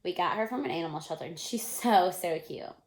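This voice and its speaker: Sunny schoolgirl, quick to answer, lower voice, woman reading. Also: natural voice. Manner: ready and chatty. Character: confident cheerful schoolgirl.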